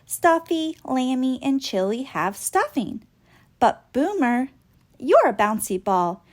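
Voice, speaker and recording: A woman's voice: sits high, very animated, slow, heavily acted. A woman voicing a caring young girl who doctors toys in a storybook, reassuring and matter-of-fact as she explains.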